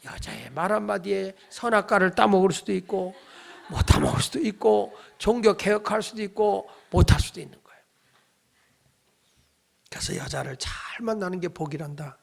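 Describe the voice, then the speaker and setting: A middle-aged male pastor preaches a sermon in a high, gravelly, animated voice at normal speed. He tells stories dramatically, acting out their dialogue with shouts and whispers, and urges the congregation to respond.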